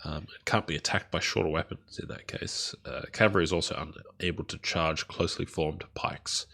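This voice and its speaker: A man with a deep, gravelly voice hosts a solo podcast, his nose blocked by a cold so every word comes out nasal. He talks hesitantly, filling his pauses with ums and uhs. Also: fairly even intonation, sharp tone. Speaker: podcast host.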